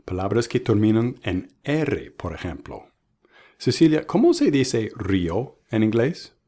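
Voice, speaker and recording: A man teaching English pronunciation in a bilingual lesson, modeling each word slowly and contrasting wrong and right versions. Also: fairly low pitch, huge pitch swings, warm tone. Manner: slow, deliberate, models words by contrast. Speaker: language teacher.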